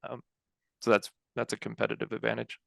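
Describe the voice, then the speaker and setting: A man's voice: lowish voice, a little fast, creaky, no room sound, low-quality recording. A young man from Colorado, an engineering firm co-founder, answering interview questions casually over a headset on a video call, with lots of fillers and restarts. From Colorado, USA. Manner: relaxed, many fillers and restarts. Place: home office, indoors. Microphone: headset mic on video call.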